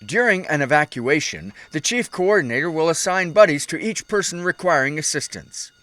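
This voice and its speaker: A man narrates a scripted instructional piece. His voice sits a little higher than most men's. The delivery is measured and instructive throughout. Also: expressive, bright, forceful tone, dry recording. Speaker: safety video narrator.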